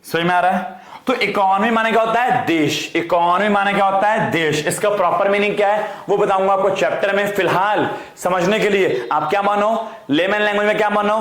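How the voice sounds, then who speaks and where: Brief: male teacher, fairly high voice, drills students with repetition, echoey room. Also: brisk, a bit bright. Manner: repetitive call-and-response drilling, addresses students as "beta". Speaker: economics teacher. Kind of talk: online class lecture.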